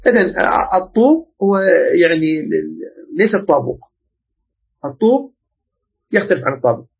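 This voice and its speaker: A man from Iraq with an Iraqi Arabic accent, teaching a religious jurisprudence lesson and often pausing to check that listeners follow. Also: a little high, very animated, vocal fry, slightly rough, muffled recording. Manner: explanatory, checks understanding often.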